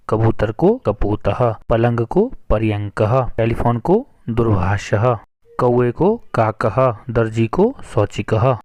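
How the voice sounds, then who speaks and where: A man teaching a school Sanskrit lesson, reading each word and then giving its meaning in a measured, explanatory way. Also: mid-range voice, a little mellow, no room sound. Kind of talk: slow explanatory lesson narration.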